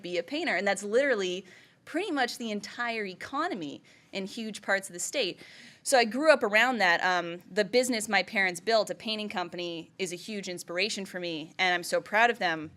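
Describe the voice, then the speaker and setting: A woman's voice: mid-range voice, fairly bright tone. A woman in her thirties from Vermont gives a presentation. She speaks in a chatty way, with lots of "like" and "right?", and laughs often. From United States (Vermont). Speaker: entrepreneur giving a presentation. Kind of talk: presentation talk.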